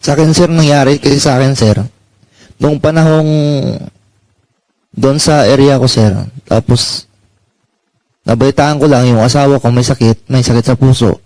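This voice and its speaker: Man guest, personal story, halting, sir after every phrase, dry close sound. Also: medium pitch, steady tone, darkish tone, no room sound, rough recording. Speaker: former marine guest. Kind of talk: personal account in an interview.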